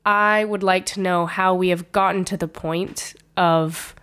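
A woman's voice: on the low side, steady tone, unhurried, fairly bright tone, smooth. A woman co-hosting a podcast, teasing her partner in dry, casual chat. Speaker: podcast co-host.

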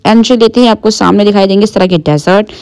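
A woman's voice: mid-range voice, steady tone, fast, darkish tone, smooth. Young woman narrating a chatty food vlog. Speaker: vlogger. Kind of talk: travel and food vlog voice-over.

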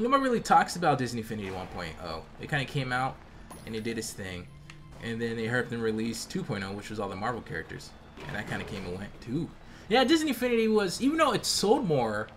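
A young American man giving casual, slangy, animated commentary as he plays a video game. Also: medium pitch, a little hiss or hum. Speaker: gaming video host. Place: indoor room at home, facecam. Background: game music.

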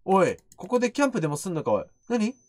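A man's voice: high-pitched, sing-song, very noisy. A man doing jumpy, teasing commentary on a horror game he is streaming. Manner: jumpy, loud, teasing, quick to shriek. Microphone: studio microphone.

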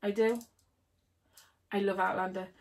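A woman's voice: mid-range voice, level tone, measured pace. A woman livestreaming casually, chatting and giggling with viewers while she builds. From United Kingdom.

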